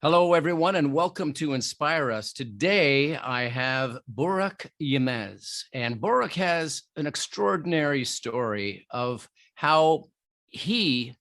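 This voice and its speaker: A man's voice: fairly high pitch, very animated, measured pace, a bit bright, dry recording. A man hosting an interview podcast, talking in a friendly, earnest way with many restarts. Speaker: podcast host.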